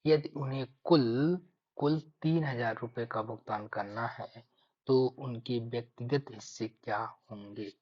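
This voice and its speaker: Over a dull lo-fi mic, a man walks through a maths lesson step by step for exam preparation, thinking aloud and going back over key figures. His mid-range voice is slightly rough and a little slow.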